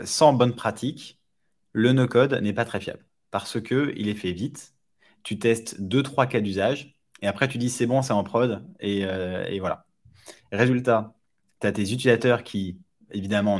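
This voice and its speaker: Low-voiced man, hesitant podcast guest. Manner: hesitant, many fillers and restarts. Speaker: startup founder guest. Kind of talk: casual podcast interview.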